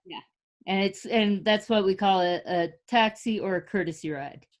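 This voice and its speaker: A woman's voice: medium pitch, normal speed. Woman patiently explaining in class. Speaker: ski patroller explaining to a classmate.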